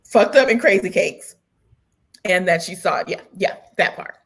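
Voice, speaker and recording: A woman's voice: fairly low pitch, lively intonation, normal speed, a little hiss or hum. A woman co-hosting a casual chat podcast, emphatic and profane, laughing often. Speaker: podcast co-host.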